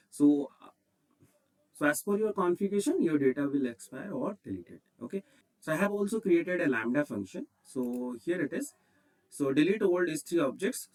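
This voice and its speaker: Teaching software in a screencast, an Indian-accented presenter walks through each step, checking in with a recurring "okay." He sounds on the high side, and the mic is placed at a distance.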